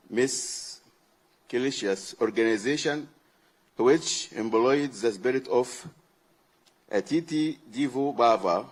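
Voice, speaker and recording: A man delivers a formal, prepared speech of thanks as a guest, in deliberate ceremonial phrases. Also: mid-range voice. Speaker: guest speaker, book fair participant.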